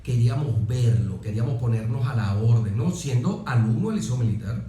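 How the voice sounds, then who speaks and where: Personal stories pour out from a middle-aged military officer from Venezuela, an interview guest speaking with emphasis and frequent repeated phrases. His medium-pitched voice is warm and animated, and his pace is brisk. It all echoes heavily around the room.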